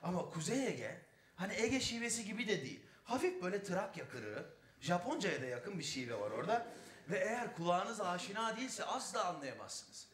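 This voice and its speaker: A man's voice: high voice, sing-song, fairly quick, fairly bright tone. A man doing stand-up, telling wry, chatty stories to an audience. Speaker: stand-up comedian. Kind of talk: stand-up storytelling. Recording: echoey stage recording.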